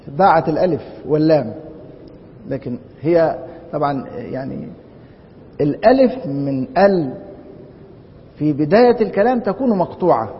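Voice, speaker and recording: Egyptian man lecturing in a reverberant mosque hall. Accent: Egyptian Arabic. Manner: poses rhetorical questions and then answers them himself. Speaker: Islamic law teacher. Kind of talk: classroom lecture on a religious text. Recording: dull, reverberant hall with faint rumble.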